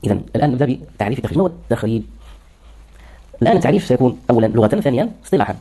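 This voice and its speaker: A male lecturer talks through definitions at a rapid clip. His voice is dark and mellow. He keeps asking rhetorical questions and answering them himself. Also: mid-range voice, expressive, husky. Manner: explains terms, asks and answers his own questions. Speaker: lecturer in hadith sciences. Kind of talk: classroom lecture.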